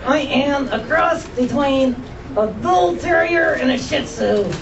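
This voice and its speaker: Woman voicing a squeaky, cheeky ventriloquist dog dummy. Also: animated, slow, a crowd in the background, full character voice. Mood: cheeky, excited. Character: cheeky, silly dog puppet, a bull terrier and shih tzu cross. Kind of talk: ventriloquist stand-up routine. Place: comedy club stage. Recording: muffled, distant club recording with loud audience.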